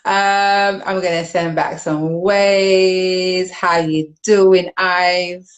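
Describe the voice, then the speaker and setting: A woman's voice: lowish voice, rough recording. A British woman hosting a live online show in casual chat, thinking aloud while reading comments and often laughing, on a video call. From United Kingdom.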